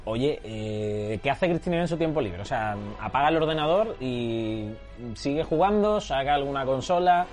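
A man's voice: mid-range voice, lively intonation, moderate pace, darkish tone, faint music behind. A man hosting a podcast, asking teasing, playful questions in a casual interview. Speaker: podcast host.

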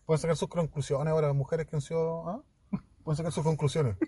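A man's voice: a little high, little pitch movement, quick pace, warm tone, breathy edge, no echo. A young man with a Chilean accent, telling crude, boastful stories in a casual chat. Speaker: podcast co-host.

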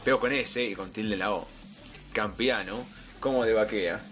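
A man's voice: lowish voice, normal speed, fairly bright tone, faint music behind. A young man with a Rioplatense accent, co-hosting a comedy podcast. He reads clumsy fan fiction aloud with mock earnestness and trips over the awkward phrasing. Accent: Rioplatense Spanish. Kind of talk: comedic dramatic reading.

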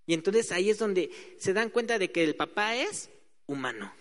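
A man's voice: high voice, animated, normal speed. A man preaching a sermon in a conversational way, acting out quoted voices. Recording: hall reverb.

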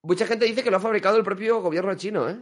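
A man with a Castilian Spanish accent talks very quickly in a slightly high voice. His delivery is casual, joking and peppered with swearing, like banter among friends. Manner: foul-mouthed, joking. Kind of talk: casual chat.

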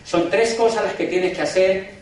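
A high-voiced man speaks emphatically at a live business seminar, preachy in tone and constantly addressing the crowd as "gentlemen." He slows down dramatically and swings his pitch for emphasis, recorded from far away in an echoey hall with faint noise.

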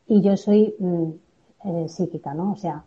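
A woman guest answering interview questions calmly, explaining slowly with little tag questions. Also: fairly low pitch, muffled recording. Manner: calm, explains with filler questions. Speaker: guest medium.

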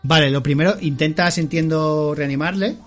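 A man's voice: on the high side, normal speed, a bit bright. Chatty man running a tabletop game. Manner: explains rules, keeps checking in with players. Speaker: game master.

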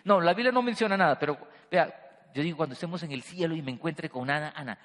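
A man preaching a sermon to a congregation, swinging between loud emphasis and quiet, hushed lines. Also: fairly high pitch, quick pace. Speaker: pastor. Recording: long hall reverb.

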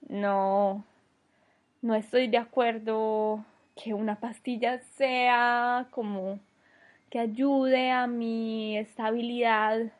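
A woman telling her own story, slow and reflective, heartfelt, pausing with soft hesitations. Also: on the high side. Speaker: personal storyteller. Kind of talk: emotional personal testimony.

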